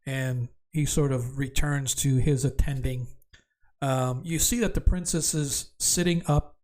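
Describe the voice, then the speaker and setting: A man narrating a tabletop fantasy game as game master, improvising descriptions in a halting way. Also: medium pitch, fairly even intonation, a little mellow.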